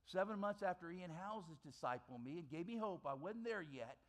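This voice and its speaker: A man giving a personal testimony as a chapel speaker, telling his story dramatically and repeating phrases for emphasis, swinging between loud bursts and quiet low lines. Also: expressive, moderate pace.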